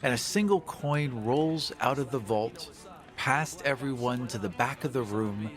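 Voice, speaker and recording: A playful man with a medium-pitched voice hosts a podcast, speaking a little slowly as he casually tells the story of a tabletop game he played. Music plays behind his voice.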